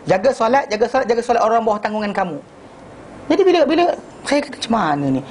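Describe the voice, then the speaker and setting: A man teaching an informal religious class, telling animated stories and acting out dialogue, with many restarts and English phrases mixed in. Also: very high voice, quick pace, a little hiss or hum.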